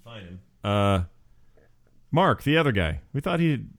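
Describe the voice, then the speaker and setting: Giggly podcast host man, wildly lively pitch. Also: a little slow. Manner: giggly, goofy, lots of laughing. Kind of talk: casual show banter.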